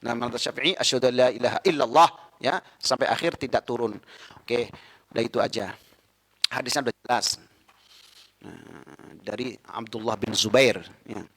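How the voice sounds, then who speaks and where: An Indonesian man, an imam giving a religious study talk in a lively storytelling manner. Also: medium pitch, moderate pace, pauses often, breathy edge, poor audio. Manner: lively storytelling, drops into other people's voices.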